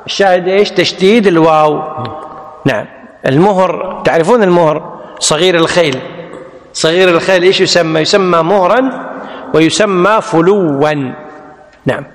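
High-voiced male teacher. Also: moderate pace, pauses often. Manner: repeats each word and quizzes students. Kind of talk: classical Arabic text lesson. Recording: long hall reverb.

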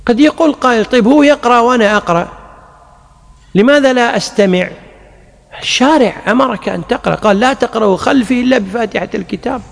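A man's voice: extremely high pitch, fast, creaky. A man who is an Islamic scholar, answering listeners' religious questions in an explanatory lecture, repeating key phrases and reciting examples. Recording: long hall reverb.

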